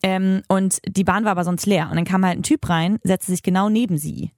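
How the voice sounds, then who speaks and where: A woman's voice: mid-range voice, fairly even intonation, fairly quick, darkish tone, no room sound, studio quality. A woman hosting a podcast, telling stories in a blunt, emphatic way and swearing freely. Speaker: podcast host. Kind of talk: casual chat.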